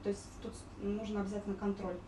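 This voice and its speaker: Speaking fast and completely flat at a medium pitch, a woman coaches singing informally, explaining vowels and demonstrating them along with sung warm-ups. The sound is echoey from a distant microphone, with music playing behind her.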